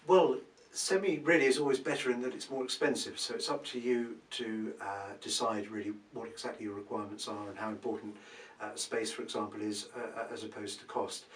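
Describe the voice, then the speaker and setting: A man, a property expert answering viewer questions in a casual Q&A, relaxed and thinking aloud with many ums. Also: lowish voice, fairly quick, hardly any pauses. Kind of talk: casual advice Q&A. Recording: roomy, from a distance, faint background hum.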